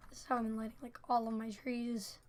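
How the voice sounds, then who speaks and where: A woman's voice: on the high side, fast talker, slight background noise. A young woman hosting a gaming channel, chatting casually and thinking aloud as she builds. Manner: relaxed, thinking aloud with fillers. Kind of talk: casual game commentary.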